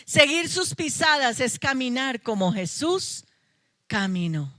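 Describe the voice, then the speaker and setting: A woman's voice: sits high, sing-song, takes it slowly, fairly bright tone, no echo, clean studio sound. A middle-aged woman pastor, preaching a sermon with emphatic passion and playful asides to her congregation. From Colombia. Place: church sanctuary.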